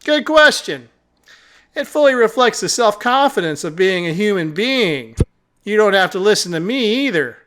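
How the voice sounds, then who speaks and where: Snarky talking cat in a game, high and lively, sneers at you, guy doing the voice. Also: normal speed. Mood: smug. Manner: condescending, mocking.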